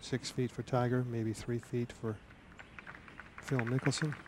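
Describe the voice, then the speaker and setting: A man giving live golf commentary with deliberate, dramatic phrasing. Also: mid-range voice, flat delivery, background noise.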